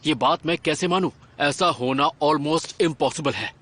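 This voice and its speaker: A man's voice: a little high, measured pace, a bit bright. A man dubbing a stubborn young businessman in a TV drama, speaking in a brusque, insistent way. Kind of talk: Hindi dub of a TV drama. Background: background music.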